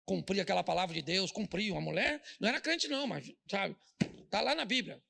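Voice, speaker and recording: High gravelly Brazilian pastor. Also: male voice, expressive, a little fast, pushed and bright. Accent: Brazilian Portuguese. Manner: joking, storytelling, acts out quoted voices. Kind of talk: humorous sermon.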